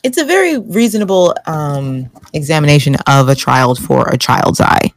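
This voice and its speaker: A woman co-hosting a casual chat show, animated and quick to laugh as she argues her view. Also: sits low, no room sound. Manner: animated, laughs often, mimics reactions. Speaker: podcast co-host.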